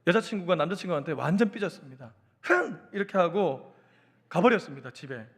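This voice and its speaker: Animated, high-voiced male preacher. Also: quick pace, breathy edge. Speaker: pastor. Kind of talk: sermon.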